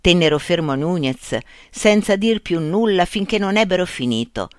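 A narrator reading a classic story aloud in a measured, expressive storytelling manner. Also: mid-range voice, no echo, clean studio sound. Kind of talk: scripted audiobook narration.

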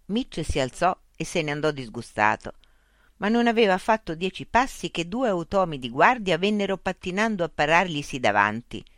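A calm audiobook narrator telling a science fiction story at an even pace. The voice sits in a middle register and the close mic gives a very dry sound. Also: mid-range voice, moderate pace, dry recording.

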